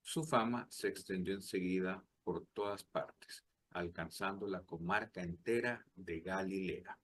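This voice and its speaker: A tired man co-hosting a religious radio program, reading the gospel aloud in a measured, steady way. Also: low-pitched. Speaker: radio co-host and scripture reader.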